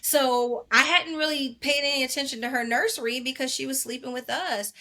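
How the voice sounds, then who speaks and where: A woman speaking as a podcast guest, an animated storyteller who acts out quotes from her own life. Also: high-pitched, brisk. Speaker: podcast guest, maternal wellness advocate. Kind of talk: casual podcast interview.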